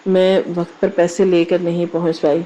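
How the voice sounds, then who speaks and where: A woman's voice: lowish voice, flat delivery, warm tone, close to an everyday voice. A woman voicing a grieving, frightened young orphan woman in a spoken storybook, speaking in a pleading way. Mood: tearful.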